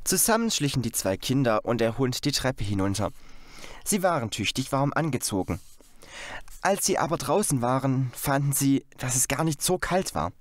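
Male audiobook reader, lively intonation, dry close sound. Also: medium pitch, normal speed, no echo. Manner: expressive storytelling. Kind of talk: scripted narration.

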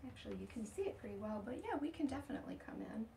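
A woman's voice: a little high, big pitch swings, racing, creaky. An older woman demonstrating furniture painting live in a shop basement, chatting as she works. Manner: chatty, explains steps while working. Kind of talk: live how-to demonstration and chat. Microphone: far camera. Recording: distant voice, faint room noise.

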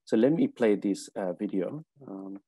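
A man presents over a video call, stopping and restarting often with many fillers. His voice sits a little low and sounds mellow. The sound is dry and close. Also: measured pace, breathy edge, no echo. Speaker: presenter for a college. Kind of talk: webinar presentation.

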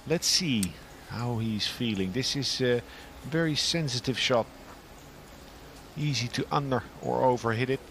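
A man from Europe commentating live on a pool match, calmly explaining each shot and position. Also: medium pitch, slight background noise. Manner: measured, analytical shot-by-shot explanation.

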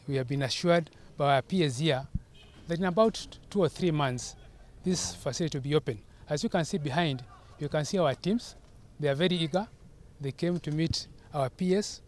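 County official, fairly high voice, earnest and halting outdoor statement. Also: male voice, darkish tone, slight background noise. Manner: earnest, with "uh" pauses and restarts. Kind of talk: press statement. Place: outdoors at a stadium. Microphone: handheld press mics.

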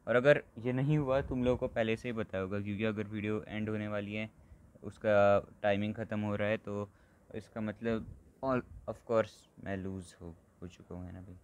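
A man giving casual live commentary on a mobile football game, excitable and exclaiming often as he talks to his viewers like friends. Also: fairly low pitch, moderate pace, clear, resonant tone. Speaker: gaming channel host.

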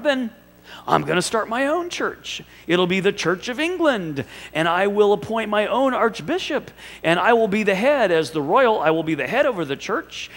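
A man doing a demanding, self-important king of old, pitched a little higher than his own voice and swinging up and down as he insists on his way. The words ring out with a long reverb. It's a preacher acting out the king in a sermon. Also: fairly bright tone. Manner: emphatic, indignant declarations.

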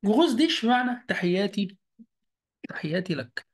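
A man with an Egyptian Arabic accent, teaching a beginner German lesson over a video call. He speaks slowly and repeats each word deliberately. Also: high voice, sing-song. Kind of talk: online language lesson.

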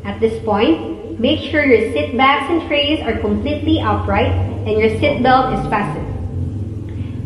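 A young woman makes a formal airport-style announcement in a fairly high voice. She speaks in the measured, scripted way of a flight attendant. The sound is very echoey, with faint noise behind her. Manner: formal, measured public-address delivery. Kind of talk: scripted airport and cabin announcement, like a boarding call.

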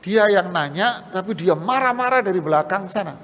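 A man preaching a sermon in a mosque, lively, and he often mimics scoffers and salesmen in quick asides. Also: sits high, in a large hall. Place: mosque hall.

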